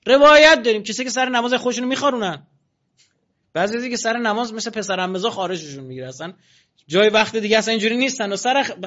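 Male preacher, colloquial and animated with mocking asides, slightly high voice, muffled lo-fi recording. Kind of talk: religious sermon. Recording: dull lo-fi recording.

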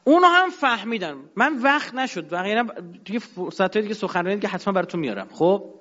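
Man lecturer, high pitched, emphatic delivery, muffled lo-fi recording in a reverberant hall. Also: a bit bright. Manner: emphatic, rising and dropping sharply. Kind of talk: religious-political lecture. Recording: dull sound in a long-reverb hall.

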